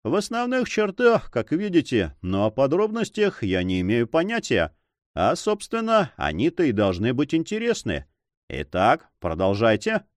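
A proud forester with a fierce sense of honor, bursting out in passionate exclamations, as a male reader puts him on. His voice swings widely in pitch, and the sound is close and dry. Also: huge pitch swings, moderate pace, no echo. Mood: impatient. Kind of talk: audiobook character reading.

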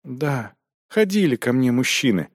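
A man's voice: medium pitch, sing-song, unhurried, no room sound, clean studio sound, pitched above the performer's own voice. A man voicing a frightened, shamefaced young village widow under interrogation, answering timidly. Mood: reluctant, ashamed.

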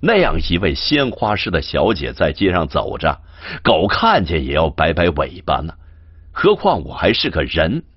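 A man's voice: sits low, wildly swooping pitch, normal speed, husky, no echo, muffled recording, exaggerated voice. A man doing a sly wheedling young servant. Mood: teasing, wheedling. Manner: teasing and wheedling.

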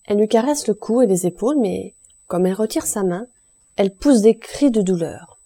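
A woman narrating a literary audiobook in a measured storytelling manner. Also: mid-range voice, lively intonation, dark tone, slightly rough. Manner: measured storytelling, lifts voice for quoted lines. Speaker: audiobook reader.

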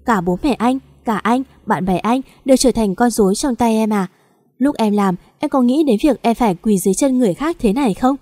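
A woman's voice: a little high, brisk, dark tone, no echo, clean studio sound, close to an everyday voice. A woman reading the lines of a betrayed husband in his thirties who speaks with cold, restrained anger in an audio story. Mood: bitter.

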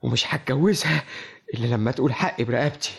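A husky, excitable broke young man. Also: medium pitch. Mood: excited. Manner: eager, rushed.

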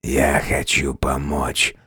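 A man voicing Strannik, hoarse century-old stranger. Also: rumbling low, little pitch movement, slow, pushed and bright, no echo, studio quality, voice pushed down, heavily acted. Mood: calm. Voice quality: hoarse, creaky. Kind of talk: audiobook character voice.

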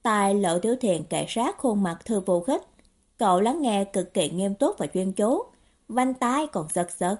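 A woman narrating a novel as an audiobook in a steady storytelling manner. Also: medium pitch, a little slow. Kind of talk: scripted narration.

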